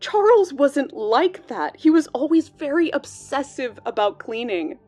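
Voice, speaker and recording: Her voice is high-pitched, sing-song and a little mellow, moving at a measured pace over background music. In this true-crime audio drama she plays a worried, hesitant bank colleague giving interview testimony, uneasily recalling a troubling friend.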